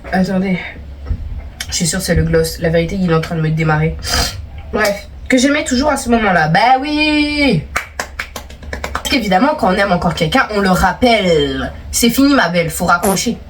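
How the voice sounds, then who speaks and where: A woman's voice: mid-range voice, normal speed, pauses often, far from the mic, slight background noise. A young woman vlogger reading out viewer stories and teasing them in casual, playful chat.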